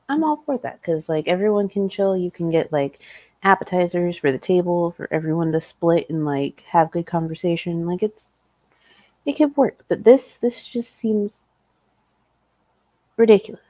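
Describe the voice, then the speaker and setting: Casting: female American host, lowish voice, wry casual comic commentary, slightly dull lo-fi recording. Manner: wry, informal.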